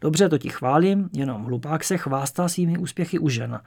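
A man reading an audiobook, voicing a brash, loud and teasing male poet character. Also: on the high side, vocal fry, dry recording, clean studio sound. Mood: boisterous.

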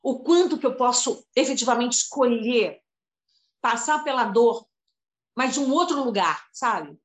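A woman's voice: a little high, animated, measured pace, reverberant. Chatty woman in her fifties, emotional storytelling. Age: 50s. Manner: emotional, rambling, addresses the other by name often. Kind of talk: casual conversation about healing and spirituality.

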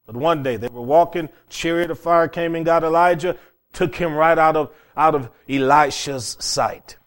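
A man's voice: fairly high pitch, normal speed. A man preaching a conversational sermon, plain-spoken, repeating phrases for emphasis.

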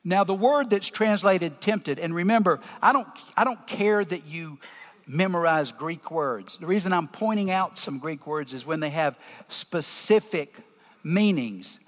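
A long hall reverb surrounds this male preacher with a deep Southern drawl. His voice sits high for a man, and he moves slowly through his sermon. He teaches with deliberate emphasis, breaking his thoughts into short phrases. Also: lively intonation. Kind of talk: sermon, explaining scripture to a congregation.

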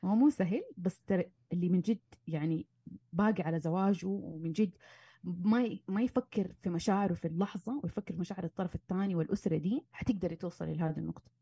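Lady therapist, talks super fast, dark mellow tone, animated advice. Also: on the low side, breathy edge, no echo. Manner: animated, acts out arguments, mixes in English terms. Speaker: marriage and family therapist guest. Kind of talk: casual advice conversation.

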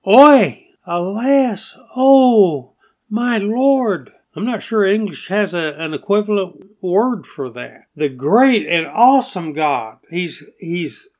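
A man preaching a recorded sermon, emphatic and repeating phrases as he teaches, rising to loud exclamations on key words. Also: a little high.

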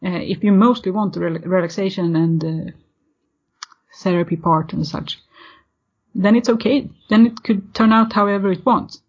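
A woman from Sweden, in her thirties and with a Swedish accent, appears as a guest in a casual podcast interview. Her mid-range voice carries a breathy edge at a moderate pace, and she often hesitates, using fillers and restarts. The audio sounds muffled and lo-fi.

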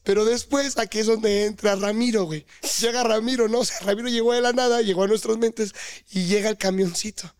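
Guest storyteller: young Mexican man, high voice, animated, acts out other people's lines with shouts. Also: fairly quick, smooth. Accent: Mexican Spanish. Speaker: podcast guest. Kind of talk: casual storytelling chat.

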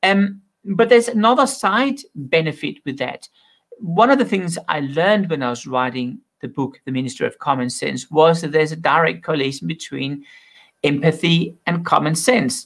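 A man's voice: fairly high pitch, moderate pace, gravelly, fairly bright tone. A man from Denmark, an author answering interview questions in an opinionated way and making bold claims. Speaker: author and guest.

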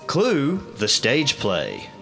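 A man hosting a podcast reads out award nominees in a slow, showy announcer style, with a digital echo effect on his voice. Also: mid-range voice, huge pitch swings, creaky, pushed and bright, faint music behind. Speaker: podcast host.

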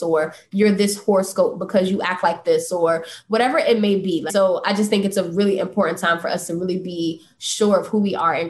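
A woman co-hosts a faith podcast, speaking in a measured, earnest way with many pauses. Her voice is a little low, with faint noise behind her. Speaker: podcast co-host. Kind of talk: faith discussion.

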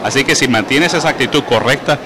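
A man, a guest calmly explaining his ideas in an interview. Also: mid-range voice, fast talker, a crowd in the background. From Puerto Rico.

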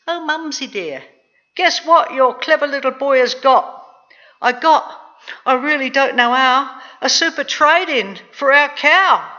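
An excitable, cheeky young boy from a storybook, as put on by an adult narrator. The voice is pitched high and bright, with eager, boastful exclamations. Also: a little slow, dull audio, heavily acted. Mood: proud excitement. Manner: breathless exclamations, eager protesting.

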